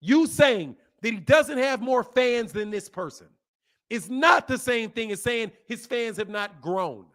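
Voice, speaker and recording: In a heated live exchange, a boxing channel host in his fifties berates and insults a caller, repeating himself. He sounds very high-pitched and animated, a touch bright, and a little slow.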